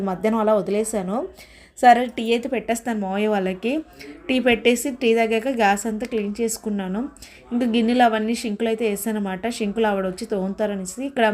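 A chatty woman with a Telugu accent hosts a casual home vlog. Her voice is fairly high and she talks quickly, in a homely narrating style. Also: darkish tone.

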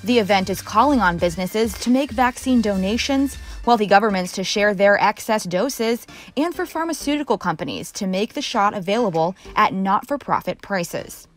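A woman presenting an entertainment news report as a scripted voice-over with brisk, polished delivery. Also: medium pitch, expressive. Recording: faint music bed under a studio voice-over.

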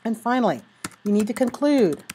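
A woman teacher with the hiccups, talking students through how to write a paragraph and reading sample sentences slowly. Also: a little high, sing-song, dark tone, slight background noise. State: has the hiccups. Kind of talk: recorded writing lesson.

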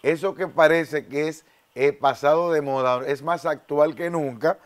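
A man's voice: a little high, steady tone, measured pace. A young man hosting a faith interview show in a TV studio, on a lapel mic, affirming and preaching in asides. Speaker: host. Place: TV studio set.

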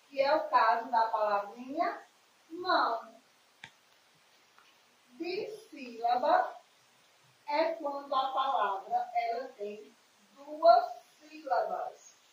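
A woman teaching a primary school lesson with a Brazilian Portuguese accent, talking sweetly to children with lots of diminutives. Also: high-pitched. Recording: echoey, distant and dull home video.

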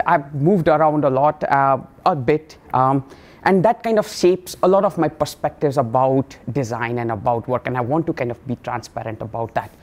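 A man stands at the front of a lecture room and explains his research to an audience. He speaks in a measured way, with plenty of small fillers as he thinks. The sound is picked up across the classroom. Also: fairly high pitch. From Nepal. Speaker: professor giving a colloquium talk. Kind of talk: academic lecture.

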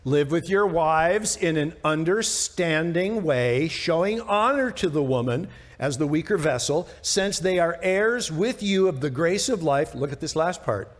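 A higher-voiced American male pastor teaches the Bible verse by verse in a conversational way from a church sanctuary stage indoors. He's expressive and emphatic, informal, fond of rhetorical questions, speaking at a measured pace with few pauses amid the long reverb of the hall.

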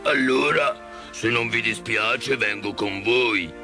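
A man's voice: mid-range voice, slow, music in the background. A man voicing a big, timid, self-pitying lion in a storybook reading, plaintive and sighing. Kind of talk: storybook character voice.

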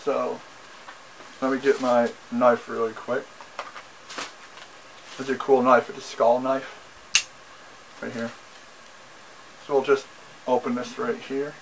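A man's voice: medium pitch, flat delivery, takes it slowly, gravelly, long pauses, noisy background. Young man rambling through a casual haul. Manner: rambling, repeats himself, frequent ums. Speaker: vlogger. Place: small bedroom, indoors. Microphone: camera mic, seated facing camera.

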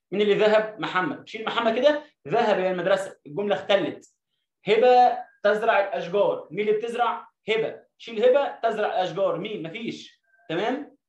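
High-voiced Egyptian teacher, echoey room. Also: male voice. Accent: Egyptian Arabic. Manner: drawn-out, word-by-word reading of English sentences; asks questions and answers them himself. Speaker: English teacher. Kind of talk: explaining a lesson to young pupils.

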